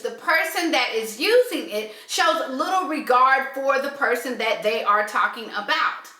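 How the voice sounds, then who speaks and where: A woman speaks earnestly about faith and relationships, leaning on slow emphasis for key points. Her voice sits high and sounds bright and crisp. The room around her rings with a noticeable echo. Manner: earnest, measured, with slowed emphasis. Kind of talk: reflective talk on faith and relationships.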